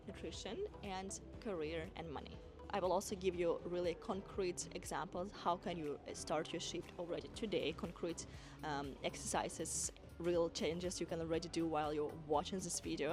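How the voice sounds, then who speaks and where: Over background music, a dance school owner and women's coach from Kazakhstan addresses the camera with a sincere, uplifting pep talk. She speaks on the low side and makes small grammar slips typical of a non-native speaker.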